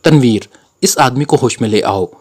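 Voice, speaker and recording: A man's voice: mid-range voice, moderate pace, husky, lightly acted. Man reading as a cold, commanding agent. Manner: cold, serious delivery. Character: cold, commanding male secret agent hero.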